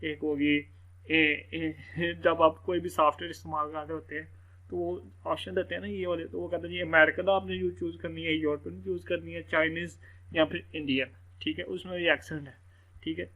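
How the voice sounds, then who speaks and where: A man explains a language lesson in a slightly high voice. He stops often to check that his listeners are following. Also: flat delivery, fairly quick, bright, forceful tone, rough recording. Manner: repeats "theek hai" to check understanding. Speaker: English teacher.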